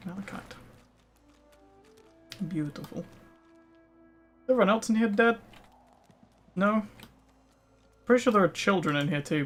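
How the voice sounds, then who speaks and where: A man with a slightly higher voice talks casually while he streams a game. He rambles in a friendly way and answers viewers' questions, filling gaps with "um" and "like.". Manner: chatty, lots of um and like, answering chat. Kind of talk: casual gameplay commentary.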